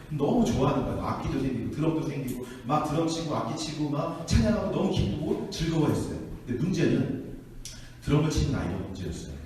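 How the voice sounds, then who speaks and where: A man preaching a sermon to a youth group, telling stories in an animated way and acting out the people in them. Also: on the high side, a little hiss or hum. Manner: animated storytelling, acting out quotes. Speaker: youth pastor. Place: church hall. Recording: echoey hall from far off.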